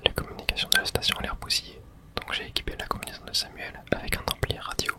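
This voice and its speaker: Whispering the game's dialogue in a soft, voiceless hush for an ASMR playthrough, the speaker goes quickly.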